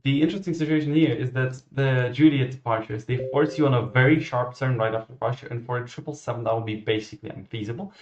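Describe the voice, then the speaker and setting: Halting man controller, muffled roomy sound. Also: mid-range voice. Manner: halting, self-correcting. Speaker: virtual air traffic ground controller. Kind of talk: radio clearances and explanatory commentary.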